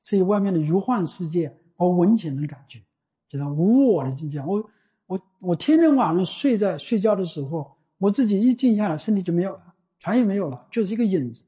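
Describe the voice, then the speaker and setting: A Buddhist teacher giving a slow, deliberate dharma talk, often pausing to ask the listeners whether they follow. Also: medium pitch, lively intonation, dark tone. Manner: slow and deliberate, often asking "you know?". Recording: dull lo-fi recording.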